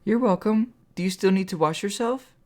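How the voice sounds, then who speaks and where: A man putting on an eager, soft-spoken young woman. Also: high-pitched, expressive, a little slow, pitched above the performer's own voice. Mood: eager, coaxing.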